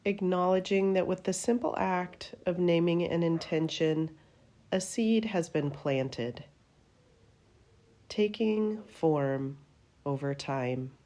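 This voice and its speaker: A yoga nidra meditation teacher, a woman with a low, mellow voice, guides a meditation. She speaks very slowly and gently in soothing phrases that trail off at the ends, her tone dark and relaxed, fitting a teacher of deep rest practice.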